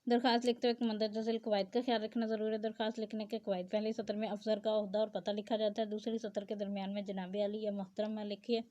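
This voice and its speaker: A woman's voice: mid-range voice, little pitch movement, quick pace, hardly any pauses, mellow. A woman teacher reads out a grammar lesson and explains it in plain asides. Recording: dull lo-fi sound.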